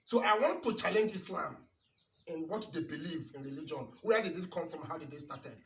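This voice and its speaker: A man giving an impassioned lecture-sermon, hammering rhetorical questions and swinging between loud bursts and low asides. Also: a little hiss or hum. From Nigeria. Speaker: lecturer on religion and culture. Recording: roomy, distant mic, faint birdsong behind.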